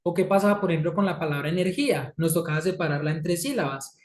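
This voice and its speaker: This Colombian woman talks fast in a lowish, slightly mellow voice while teaching English in an echoey room. Throughout the lesson she checks in with students, asking "¿sí?" and "¿listo?".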